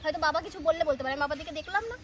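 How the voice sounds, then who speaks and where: A woman talks back very fast, playing a stubborn, defiant wife. She sits a little away from the mic, with faint background noise. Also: high-pitched, distant mic. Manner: stubborn, quick back-talk. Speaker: comedy sketch actor playing a wife. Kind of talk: scripted comedy skit.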